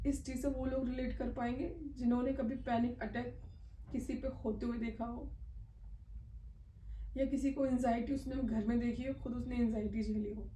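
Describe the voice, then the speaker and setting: A woman's voice: fairly high pitch, mellow, recorded from a distance, a little hiss or hum. A woman talking in a casual personal vlog at home, earnest, emotional and confiding. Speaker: vlogger. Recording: echoey room, voice from off-mic.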